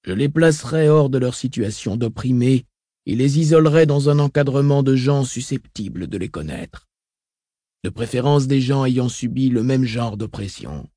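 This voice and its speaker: A man voicing a calm, calculating mentat advisor in an audiobook, soft-spoken and reasoned. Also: mid-range voice, breathy edge, no room sound, studio quality. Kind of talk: audiobook reading.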